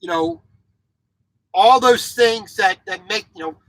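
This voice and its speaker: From inside a small truck sleeper cab, an opinionated forties-aged driver who spent his childhood in Japan as a military child vlogs bluntly, restarting and repeating words in a casual monologue. His very high-pitched voice is animated and slow, with vocal fry. The audio is poor, with no room sound.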